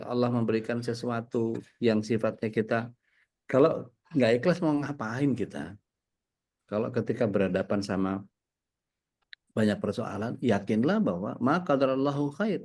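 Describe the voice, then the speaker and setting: A man speaking as a cleric in relaxed, conversational religious talk, often pausing with fillers and turning to the audience. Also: medium pitch. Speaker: cleric and co-host.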